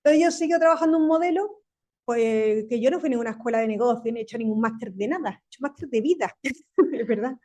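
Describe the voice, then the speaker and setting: Lively woman in her fifties, quick laughs. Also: fairly high pitch. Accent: Spanish. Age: 50s. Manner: animated, laughs often, speaks quickly with restarts. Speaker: panel speaker, tech company executive. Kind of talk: panel discussion.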